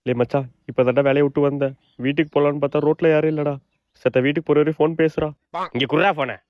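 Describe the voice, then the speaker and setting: A man playing a lively, teasing part in comedy skit dialogue. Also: a little high, rapid-fire, no echo, muffled recording.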